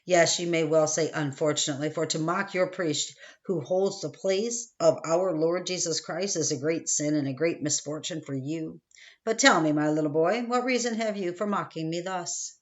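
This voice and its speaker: A woman's voice: sits low, normal speed, lo-fi sound, natural voice. A woman reading an audiobook, voicing a haughty, stern male village priest who presses with questions. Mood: haughty, pressing.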